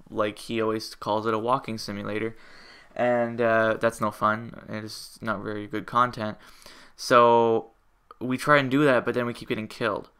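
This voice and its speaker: A young man talks through a casual update on his gaming channel from home. His voice is bright and crisp, and he rambles with frequent fillers, self-corrections and half-finished sentences. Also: mid-range voice. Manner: rambling, hesitant, many fillers and restarts.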